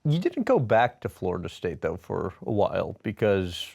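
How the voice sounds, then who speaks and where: Brief: deep, gravelly male interviewer, measured questions, voice slightly off-mic. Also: wildly swooping pitch, darkish tone.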